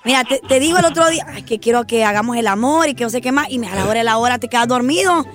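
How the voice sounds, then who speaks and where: A woman's voice: a little high, lively intonation, lightly acted. A woman playing a fed-up Honduran Catwoman who complains about her husband, with a Honduran accent. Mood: complaining. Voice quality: whiny, exasperated, rapid complaints. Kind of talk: comedy sketch acting.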